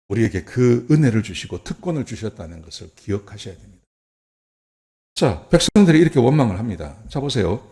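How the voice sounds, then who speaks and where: A pastor with a fairly low-pitched voice gives a sermon in church. He keeps it conversational, asks rhetorical questions, and moves from soft moments to emphatic ones.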